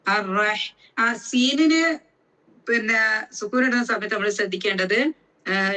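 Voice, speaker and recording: A woman teaching Quran recitation rules, speaking slowly and deliberately and drawing out each letter sound to show how it is made. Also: medium pitch, a bit bright, low-quality recording.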